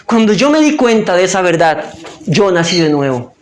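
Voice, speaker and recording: A male pastor giving an impassioned sermon, stressing phrases slowly and emphatically. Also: high voice, very animated, roomy sound. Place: church.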